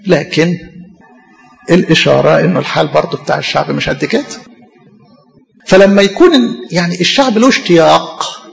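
A man's voice: on the high side, a little fast, vocal fry, long pauses, big-room sound. A man with an Egyptian Arabic accent, a priest giving an impassioned sermon straight to his congregation. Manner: impassioned preaching, addresses the congregation directly.

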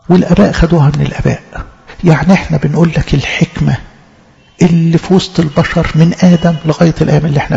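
A man with an Egyptian Arabic accent preaches at a brisk clip, his voice heavily gravelly and mellow in tone. He drives each point home with emphatic rhetorical questions. The sound is dull and lo-fi, with a long reverb as if in a large hall. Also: on the high side. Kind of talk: Bible-study sermon. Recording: lo-fi echoey hall.

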